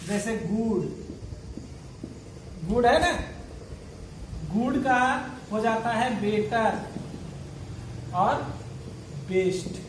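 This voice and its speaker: A male teacher talks through a grammar lesson at an unhurried pace, throwing out questions and then answering them himself. He repeats each word patiently, one step at a time. His voice comes from a few steps off the mic in a roomy, echoing classroom with a faint hiss underneath. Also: very high voice. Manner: repeats and spells out words patiently. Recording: echoey room, voice from far off.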